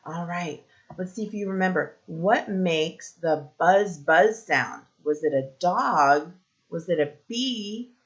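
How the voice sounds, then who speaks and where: The recording's highs are cut off as a woman teacher, her voice on the low side with lively intonation, reads aloud to young children. She asks simple questions, leaves pauses for answers and gives encouragement.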